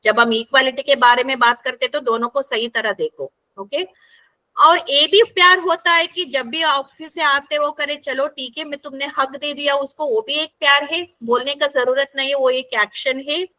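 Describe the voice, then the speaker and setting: Bright, high-voiced woman leading a workshop. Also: moderate pace. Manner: conversational, keeps checking in with the group. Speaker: workshop facilitator. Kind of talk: interactive workshop teaching. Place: workshop room with a group.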